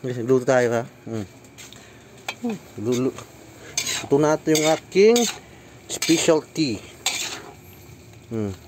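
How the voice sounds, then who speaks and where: A man's voice: mid-range voice, slow pace, long pauses. A man vlogging casually from his home kitchen while he cooks, chatting directly to his viewers. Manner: chatty, talks straight to viewers. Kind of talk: casual home cooking vlog. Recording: noisy kitchen with clattering pots.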